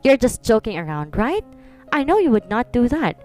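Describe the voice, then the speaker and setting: A woman's voice: on the high side, very animated, normal speed, darkish tone, soft background music, pitched above the performer's own voice. A woman voicing a playful young husband who coaxes his wife in a pleading tone. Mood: teasing.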